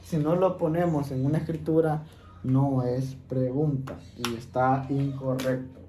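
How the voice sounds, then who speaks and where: A man teaching an English class, explaining each step slowly and patiently and checking in with his students. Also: mid-range voice, flat delivery, warm tone. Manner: patient, repeats steps, checks in with "¿ok?". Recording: echoey room, faint background noise.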